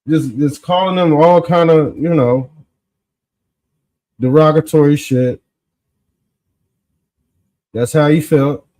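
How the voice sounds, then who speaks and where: A man hosting an informal political commentary show, talking in folksy street style with drawn-out emphasis and a smug, sarcastic exposé manner. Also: fairly high pitch, fairly even intonation, dark tone.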